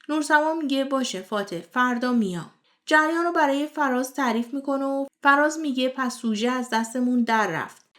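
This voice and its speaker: A woman with a fairly high voice tells the plot of a television drama. She reads from a script in a steady storyteller's manner and passes on each character's lines as reported speech. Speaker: series recap host. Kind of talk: scripted narration retelling a TV series.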